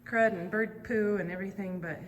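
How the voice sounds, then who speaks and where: A woman talks casually as a vlog host, chatty and informal as she thinks out loud. Her voice echoes through a large workshop with long reverb, and clear background noise sits behind her. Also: mid-range voice, fairly even intonation, fairly quick. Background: loud ambient noise.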